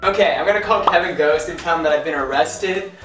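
A man's voice: on the high side, quick pace, a bit bright, recorded from a distance. A young man hosting with casual, joking chat, recorded in a small bedroom from a camera a few feet away. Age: young adult. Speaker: video host. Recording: roomy, off-mic, music underneath. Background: music.

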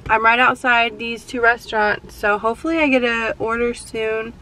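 A woman's voice: fairly high pitch, fairly even intonation, normal speed, pushed and bright, a little hiss or hum, poor audio. Chatty young woman vlogging from her car. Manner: chatty, rambling, frequent "like" fillers. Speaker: delivery driver vlogger. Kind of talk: casual chat while driving. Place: inside a parked car.

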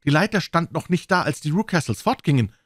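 Man doing a high eager young governess, urgent, storybook reading, dry close sound. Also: animated, fairly quick, no echo. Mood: protesting.

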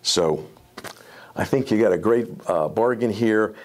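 Speaking at a measured pace in a lowish voice, a man in his sixties presents a product informally to camera for his company. He's in a medium-sized room fitted with acoustic panels on the walls.

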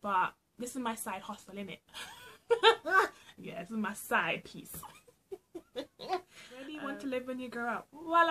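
Her voice is a little high with a sharp tone. She's a young woman from Trinidad and Tobago with a Trinidadian accent, laughing frequently and joking as she answers get-to-know-me questions for her vlog in a small room at home.

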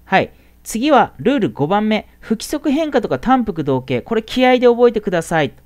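A woman teaching a casual English grammar lesson to middle school students. She chats in a friendly way and draws out the English example words slowly. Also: medium pitch, very animated, darkish tone.

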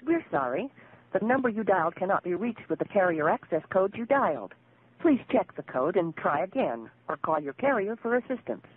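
A woman's voice: mid-range voice, normal speed. A woman's recorded telephone intercept announcement, built from spliced-together words and read in a polite, formal manner. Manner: polite, even, formal phrasing. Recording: tinny phone line with loud hiss.

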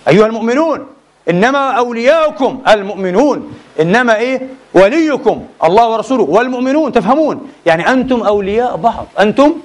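A man delivers a religious lecture in a high voice. He talks quickly and presses his case with rhetorical questions, then slows down to stress quoted verses. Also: lively intonation. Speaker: Islamic scholar lecturing.

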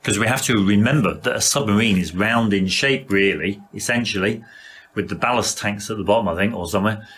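A man's voice: on the low side, a little fast, fairly bright tone, husky. A man co-hosting a casual podcast chat, who says "absolutely" a lot and restarts his sentences often. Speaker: podcast co-host.

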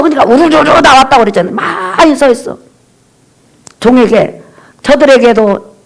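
A woman pastor preaches in a high voice. She retells the story by acting out each character's lines. She keeps calling on the congregation to read aloud and say amen. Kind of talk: sermon.

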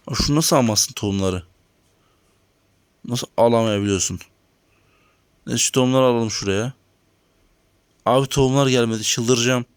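This man hosts a gaming channel and chats casually with viewers as he plays, griping about lag along the way. He has a medium-pitched, smooth voice, recorded dry.

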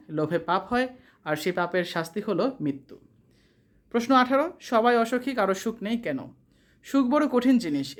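A tutor from Bangladesh works through exam questions and their answers as a voice-over. The delivery is brisk and steady, at a middling pitch. Each question is read and answered in turn, with no pause for chat. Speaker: online tutor.

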